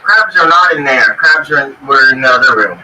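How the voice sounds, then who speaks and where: A man's voice: mid-range voice, lively intonation, fairly quick, distant mic. A man chatting casually on a live stream, his voice coming through a poor microphone that makes it sound tinny and metallic. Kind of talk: casual chat. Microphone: cheap microphone over an online streaming call. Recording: tinny call audio with faint noise.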